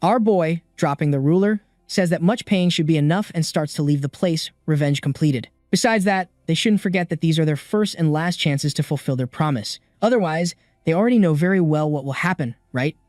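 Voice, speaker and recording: A fairly high-pitched man reads a comic story recap as scripted narration. He breaks in now and then with chatty asides to the listener. The sound is close and dry, with no room around it. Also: a little fast, a little mellow, dry recording.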